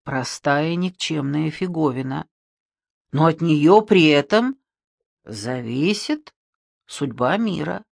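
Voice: medium pitch, lively intonation, slow, gravelly, pauses often, dry recording, studio quality, full character voice. A reader voicing a smug, scheming male demiurge who lectures in a self-satisfied way, told as a storybook. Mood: smug, lecturing.

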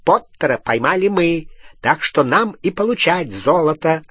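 A man voicing a brutish male werewolf who talks in a hoarse growl. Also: on the high side, animated, unhurried, fairly bright tone, no room sound, studio quality, pitched above the performer's own voice, full character voice. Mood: insolent.

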